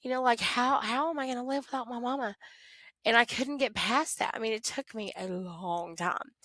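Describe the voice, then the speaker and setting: A middle-aged woman, telling a personal story as an interview guest in animated, expressive conversation. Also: a little high, moderate pace, no echo, clean studio sound. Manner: animated, expressive, talks to herself in quoted prayers.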